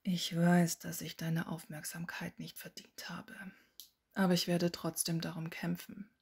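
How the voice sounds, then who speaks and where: A woman reading the part of a cool, sardonic middle-aged wizard man in an audiobook, speaking calmly and drily. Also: fairly low pitch, unhurried, vocal fry, breathy edge, exaggerated voice. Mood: calm, dry. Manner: calm, dry, mocking.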